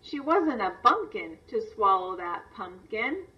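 A woman teacher leads a read-aloud lesson for young children, stressing words and posing simple questions in a mid-range, very animated voice at a slightly slow pace. The video lesson was played on a screen and re-recorded, so it sounds distant and dull through the screen's speaker.

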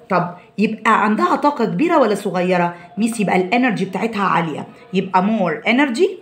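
A woman with an Egyptian Arabic accent, teaching a children's science lesson at a quick clip. She slips English terms into her explanations and stops again and again to check that her pupils follow. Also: medium pitch.

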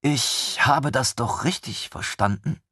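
A man's voice: lowish voice, slow, slightly rough, dry recording, studio quality, heavily acted. A man voicing a blunt, baffled woman. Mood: incredulous. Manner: incredulous, flat questions. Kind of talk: audiobook character voice.

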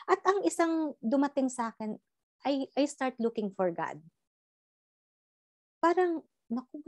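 A middle-aged woman from the Philippines giving a personal testimony in an animated storytelling manner, mixing in English and often tagging "no?". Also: high voice, no echo, studio quality. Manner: animated storytelling, Taglish, tag "no?". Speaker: guest sharing a life story.

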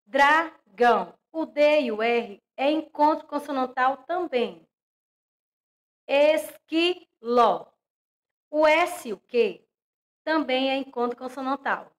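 A young woman teaching an online lesson to young children with a Brazilian accent, speaking slowly and clearly and stressing each example word. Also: sits high. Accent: Brazilian Portuguese. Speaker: primary school teacher.

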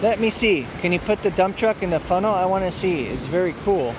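On a sandy lakeshore beach, a man films a toddler on a handheld phone and coaches the child's play, patiently repeating simple instructions. His high voice is expressive and fairly quick, and wind and waves are audible.

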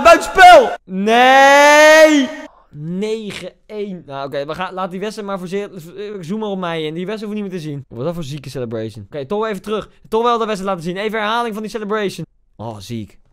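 A young man with a Netherlands Dutch accent commenting on his own football game, excitable and self-mocking, shouting at big moments. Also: sits high, fast, clean tone. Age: young adult. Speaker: gaming YouTuber. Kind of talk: gaming commentary.

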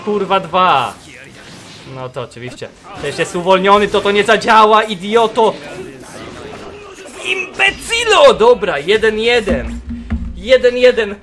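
A young man giving sarcastic, swearing gameplay commentary, often breaking into frustrated shouts. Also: high voice, animated, measured pace. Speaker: gaming youtuber.

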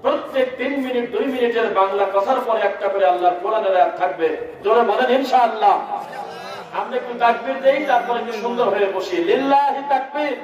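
A man with a Bangladeshi Bengali accent preaching to a crowd, asking them to answer back and chanting verses in a slow melodic recitation. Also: very high voice, muffled recording. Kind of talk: sermon at a religious gathering. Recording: very echoey hall, speaker far from mic.

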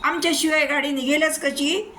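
A woman's voice: high-pitched, fairly even intonation, normal speed, sharp tone, slight background noise, pitched above the performer's own voice. A woman voicing a timid, bumbling train driver. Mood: fretful. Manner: pleading, silly excuses.

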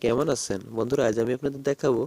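A man hosts a casual screen-recorded tutorial on a phone app, repeatedly calling his viewers friends. His voice is medium-pitched, warm and husky, with fairly even intonation and a very fast pace. The recording is dry, with no room sound.

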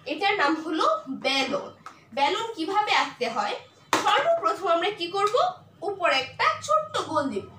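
A woman's voice: extremely high pitch, pushed and bright. A woman teaching an online class for young children, patiently asking questions and answering them herself. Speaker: primary school teacher. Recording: echoey room with faint noise.

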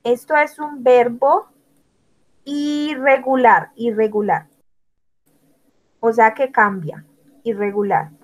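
Woman, English teacher, slow pace, high-ish voice, spells words aloud, calls on students by name. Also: fairly even intonation, dull audio. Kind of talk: online language lesson.

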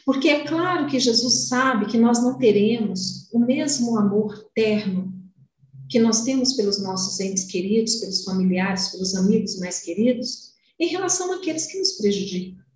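A woman's voice: a little high, animated, darkish tone. Earnest woman lecturing in a roomy echo. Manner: measured, earnest, stretches key words slowly. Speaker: spiritist lecturer. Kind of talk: devotional lecture with slides. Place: home room, indoors. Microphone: webcam on video call. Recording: roomy echo, distant mic, faint hiss.

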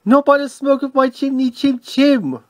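A man voicing an earnest, excitable little tram engine in a children's storybook, timid in manner. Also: very high voice, fairly quick, no room sound, pitched above the performer's own voice. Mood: defiant. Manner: earnest, excitable, stammering when scared.

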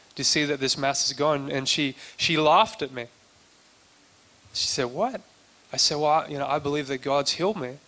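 A man's voice: medium pitch, a bit bright. A man preaching a sermon and telling his own story in a loose, conversational way, acting out the dialogue he quotes. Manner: conversational, acts out quoted dialogue, frequent restarts. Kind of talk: sermon testimony.

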